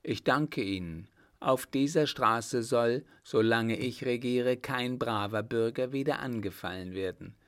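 A man voicing an emperor who thanks a mayor in a measured, formal way. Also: medium pitch, close to an everyday voice. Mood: gracious. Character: emperor, dignified and brief.

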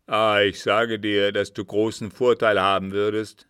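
A man's voice: lowish voice, flat delivery, measured pace, a bit bright, smooth, no room sound, studio quality. A man voicing a cunning disguised agent who feigns innocence with emphatic protests, in an audiobook reading. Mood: persuasive.

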